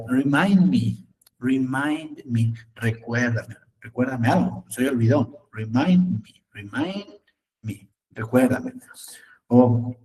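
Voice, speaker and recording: Patient male English teacher, mid-pitched, repeats and checks in, distant mic. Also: a little mellow. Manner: patient, repeats words slowly, asks "¿no?". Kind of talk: online class, explaining in Spanish.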